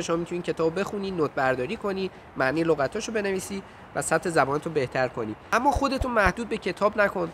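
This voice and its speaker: A man's voice: a little high, slight background noise. A man giving informal, direct study advice to his viewers in a casual vlog.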